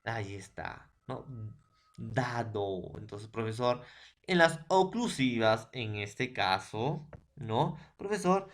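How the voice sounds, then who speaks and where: A man's voice: mid-range voice, lively intonation, slow pace. A male school teacher with a Peruvian Spanish accent, explaining phonetics step by step in a recorded lesson and repeating filler words.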